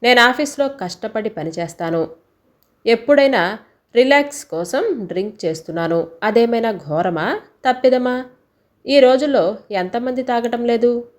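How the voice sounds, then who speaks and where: A woman's voice: fairly high pitch, expressive, normal speed, close to an everyday voice. A woman voicing a defensive, hard-drinking husband as she reads a family storybook tale. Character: angry drunk husband, defensive man.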